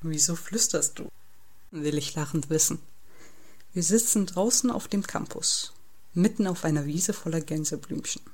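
A woman reading a novel aloud in the first person, with calm, wry storytelling. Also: low-pitched, normal speed. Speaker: audiobook narrator. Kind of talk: first-person audiobook narration.

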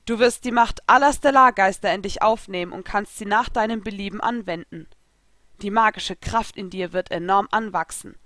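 A woman's voice: medium pitch, moderate pace, a bit bright, no room sound, lightly acted. A woman reading the part of a solemn male spirit king who speaks formally, in a dry recording. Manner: formal, ceremonial speech.

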